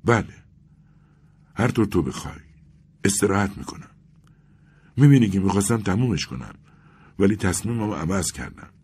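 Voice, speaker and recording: A man's voice: low-pitched, expressive, long pauses, a little mellow, slightly rough, voice pushed up. A man voicing a frail, anxious young clerk who is breaking down, speaking in a pleading, tremulous way. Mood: weary.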